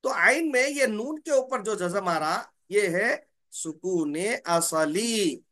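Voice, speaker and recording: A man with a high, animated voice and a sharp tone walks through the rules of Quran recitation in a slow, explanatory way. He drawls letter names, repeats the important terms, and raises questions only to answer them himself.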